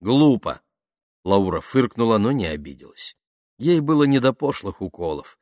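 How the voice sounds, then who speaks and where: A man narrating an audiobook in a calm, even storytelling manner. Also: lowish voice, normal speed, dry recording, clean studio sound. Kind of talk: scripted narration.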